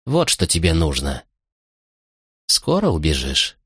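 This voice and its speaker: A man voicing a sinister fellow prisoner with a taste for warm blood, low and insinuating. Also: huge pitch swings, takes it slowly, breathy edge, dry recording, studio quality, exaggerated voice. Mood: sly.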